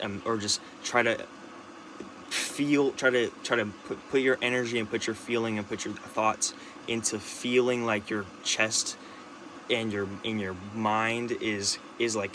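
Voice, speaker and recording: A young man talking into his camera in a rambling, halting monologue, restarting sentences and swearing often. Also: mid-range voice, background noise. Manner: rambling, halting, with many restarts, fillers and curses. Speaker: vlogger.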